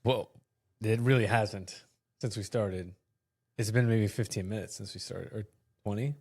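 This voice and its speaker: Laid-back low-voiced man chatting. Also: unhurried, creaky, husky. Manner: laid-back, quiet, lots of short agreements. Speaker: podcast co-host. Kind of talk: casual chat.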